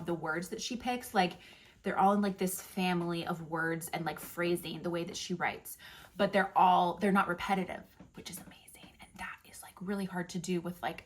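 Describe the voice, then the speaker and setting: Chatty woman recommending picture books. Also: fairly low pitch. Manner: chatty, enthusiastic, many fillers and restarts. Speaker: book reviewer. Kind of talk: casual book recommendations.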